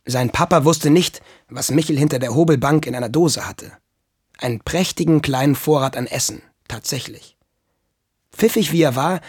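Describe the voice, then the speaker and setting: A man reading a children's story aloud with lively, expressive narration. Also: mid-range voice, slightly rough, dry recording, studio quality.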